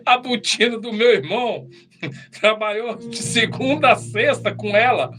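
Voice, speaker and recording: A man, a missionary telling his own testimony in a lively preaching way, often calling the listener brother. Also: high-pitched, a little slow, faint music behind. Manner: animated, addresses listeners as brother.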